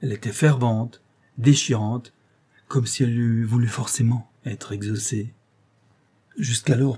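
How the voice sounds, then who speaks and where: A man reading a classic tale aloud in a measured, expressive literary manner. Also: medium pitch, husky. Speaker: audiobook narrator. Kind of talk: scripted narration of a classic tale.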